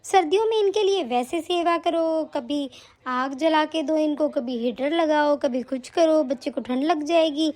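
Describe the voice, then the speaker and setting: Cartoon sister-in-law, sharp-tongued and nagging, very high-pitched, voiced by a woman. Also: moderate pace, lightly acted. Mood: grumbling. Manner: nagging, sarcastic taunts. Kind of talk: animated story voice acting.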